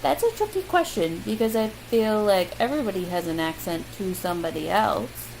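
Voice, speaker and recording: On poor audio with a loud, unbroken hiss, a young Midwestern American woman speaks at medium pitch and a moderate pace. The vlogger works through a word list casually, with lots of ums and little self-deprecating asides.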